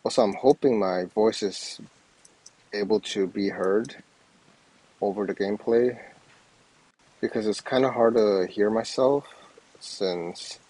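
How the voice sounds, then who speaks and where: A man's voice: lowish voice, slow, pauses often, a little mellow, slightly rough, no room sound, rough recording. A man giving casual, rambling gameplay commentary with hesitant phrasing, recorded on wireless earbuds. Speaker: gaming video host.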